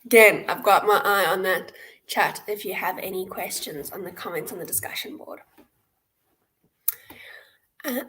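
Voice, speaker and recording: A hackathon presenter and host with a South African accent explains a platform step by step in an informal live walkthrough. Her medium-pitched voice has a fairly bright tone, captured by a livestream webcam indoors in a low-quality recording.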